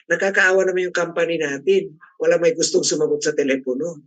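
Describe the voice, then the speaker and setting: A middle-aged man runs a relaxed classroom discussion. His voice sits a little high, and the sound is dry and close. He is chatty and teasing and keeps asking the group questions. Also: quick pace, no echo, dull audio. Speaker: class facilitator.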